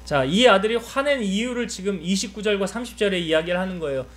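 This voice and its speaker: A man's voice: sits high, expressive, quick pace. A male pastor giving a sermon, putting rhetorical questions to his congregation and pressing his points with emphatic rises.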